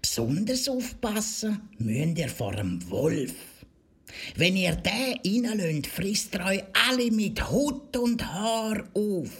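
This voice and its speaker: A woman with a Swiss German accent voicing a caring old mother goat, speaking slowly and giggling. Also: mid-range voice, big pitch swings, slightly rough, heavily acted. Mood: warning. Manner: slow, giggling warnings.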